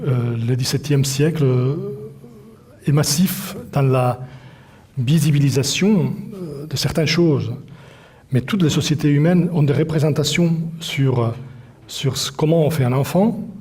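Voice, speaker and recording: A man on an academic panel speaking in a measured, scholarly way, with frequent hesitations. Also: on the high side, warm tone, husky.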